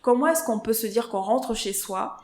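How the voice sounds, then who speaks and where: A woman's voice: fairly high pitch, moderate pace, darkish tone, slight background noise. Woman, podcast guest, conversational storytelling, acts out quoted voices, roomy echo.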